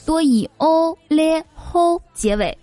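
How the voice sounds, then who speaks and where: A woman with a fairly high voice hosts a casual comedy monologue over background music. She is chatty and talks straight to her listeners, tossing them teasing questions as she goes. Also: animated, takes it slowly, warm tone, no room sound. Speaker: comedy show host.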